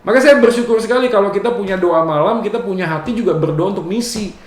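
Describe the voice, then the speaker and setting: A man with a high voice preaches a relaxed Bible exposition and drops little jokes along the way. He keeps tagging his phrases with a casual "ya", and a roomy echo hangs around his words. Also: quick pace. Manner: casual and joking, often adds "ya". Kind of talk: conversational Bible exposition sermon.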